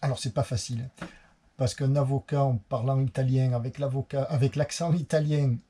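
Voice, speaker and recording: A man's voice: medium pitch, fairly even intonation, fairly quick, mellow, slightly rough. A man with a Marseille accent, a sailing vlogger talking casually to camera in a chatty, meandering, plain-spoken way. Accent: Marseille French. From Marseille, France.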